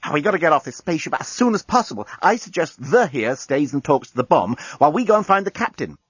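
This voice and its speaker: A man's voice: high-pitched, big pitch swings, a little fast, a bit bright, breathy edge, no echo, muffled recording, pitched above the performer's own voice, heavily acted. A man voicing a young woman who talks urgently and anxiously. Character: panicky young woman on a spaceship.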